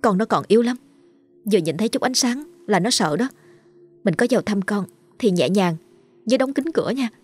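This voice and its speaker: A woman's voice: mid-range voice, lively intonation, brisk, breathy edge, faint music behind, pitched above the performer's own voice. A woman voicing a tender, coaxing young village mother in a storybook reading. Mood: anxious. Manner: soft, coaxing.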